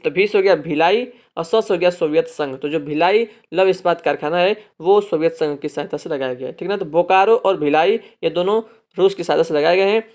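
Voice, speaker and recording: A man teaching an exam-prep lesson, explaining memory tricks and checking in with listeners after nearly every phrase. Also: high voice. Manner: explains mnemonic tricks, repeats "ठीक है ना" often; addresses viewers as friends, drawn-out repetitions of key phrases.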